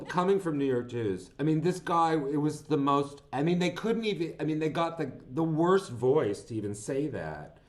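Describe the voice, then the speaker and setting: A man's voice: on the high side, a little mellow. A man co-hosting a podcast, chatting casually about films, rambling and laughing as he retells scenes. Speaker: podcast co-host. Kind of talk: casual film discussion.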